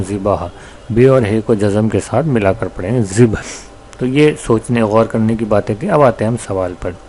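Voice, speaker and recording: Lower-pitched man teaching patiently. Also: darkish tone, slight background noise. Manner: explains word meanings slowly and patiently, repeating for students. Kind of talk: recorded classroom lesson.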